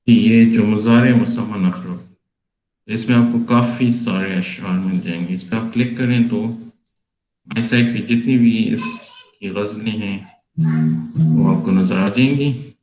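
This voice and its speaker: Male tutor, lowish voice, slow unhurried explanations, roomy echo. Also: a little mellow. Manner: slow, patient explaining with frequent pauses. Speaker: tutor explaining Urdu prosody software. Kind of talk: screen-share tutorial.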